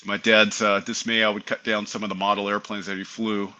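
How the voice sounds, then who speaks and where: A middle-aged man, an airline pilot guest on an aviation podcast, telling his story in an animated, conversational way. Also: on the low side, a little fast, highs cut off. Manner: animated, acts out remembered dialogue. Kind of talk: casual interview storytelling.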